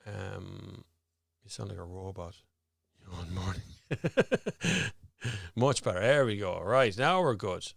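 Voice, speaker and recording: Irish man, host, low gravelly voice, dry close mic, rambling live-stream chat. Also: expressive, slow pace, long pauses, no room sound. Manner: chatty, rambling, fixing his audio on air. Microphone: studio microphone with headphones.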